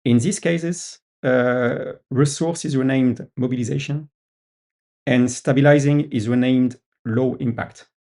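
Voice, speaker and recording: Male, French accent, gravelly, hesitant developer explaining features in a call. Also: medium pitch, fairly even intonation, unhurried, mellow. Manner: hesitant, many "uh" fillers. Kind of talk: casual video-call discussion.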